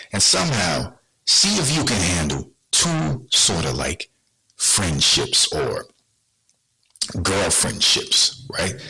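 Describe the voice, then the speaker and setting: Podcast host, male, bright and lively delivery, streetwise slang, talks straight to camera. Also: sits low, breathy edge, rough recording. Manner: blunt, rhetorical questions, streetwise slang. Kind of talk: casual monologue to viewers.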